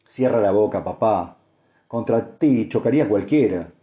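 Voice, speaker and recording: A man's voice: animated, a little slow, dark tone, highs cut off. A man voicing a plump, motherly older farm woman who scolds her husband and fusses kindly over a girl, in an audiobook. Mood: tender. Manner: scolding yet tender, higher-pitched. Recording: echoey room.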